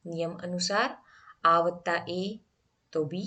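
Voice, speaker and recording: Woman teacher, slightly low voice, slow deliberate step-by-step grammar lesson. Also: steady tone, pushed and bright. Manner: slow, explaining step by step with questions to the class.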